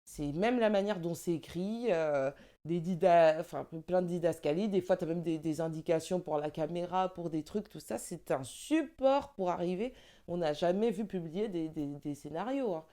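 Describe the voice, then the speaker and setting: A woman's voice: on the low side, moderate pace, dark tone. A woman talking informally and emphatically in a casual discussion, thinking aloud as she explains her views. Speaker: film director and screenwriter.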